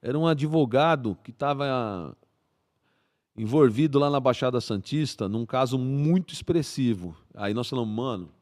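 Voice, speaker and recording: A man's voice: mid-range voice, moderate pace, a little mellow. A middle-aged man tells a story in a casual interview. He is a vivid storyteller who mimics gunshots and acts out the voices of the people in it. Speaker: police colonel guest.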